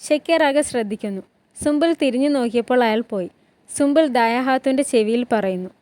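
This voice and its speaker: A woman storyteller recapping a TV drama in a plain, steady retelling voice on a close mic. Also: a little high, fairly quick, no room sound.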